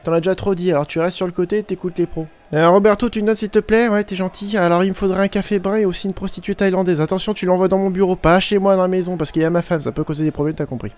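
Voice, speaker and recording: A man voicing a brash, sleazy male boss who barks orders loudly and crudely. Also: high-pitched, steady tone, very fast, few pauses, voice pushed up, lightly acted. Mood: bossy. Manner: bossy, loud, crude.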